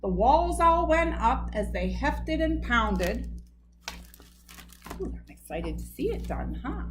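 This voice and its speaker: High, lively woman reading a bedtime story. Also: slow, noisy background. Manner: explains the story gently to children. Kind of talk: reading a picture book aloud with commentary.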